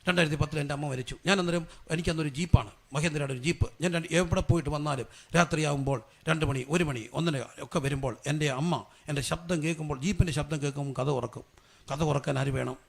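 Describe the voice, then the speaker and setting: A pastor preaching at a quick clip, his voice rough with gravel. He shifts from quiet, confiding storytelling to loud, fervent calls to his congregation, pitched a little above most men. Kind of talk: sermon.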